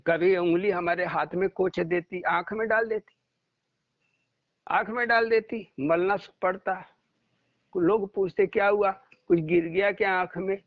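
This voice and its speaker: Male spiritual teacher, unhurried storytelling sermon, dry close sound, plays every part in his stories himself. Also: high voice, no echo. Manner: storytelling, acting out quoted dialogue. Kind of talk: devotional satsang talk. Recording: muffled lo-fi recording.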